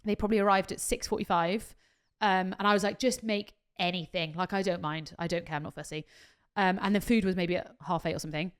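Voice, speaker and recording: A woman's voice: on the low side, fairly even intonation, fast talker, clear, resonant tone. A woman in her thirties, co-hosting a podcast as a casual, swearing storyteller who laughs often. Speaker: podcast co-host. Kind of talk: casual chat.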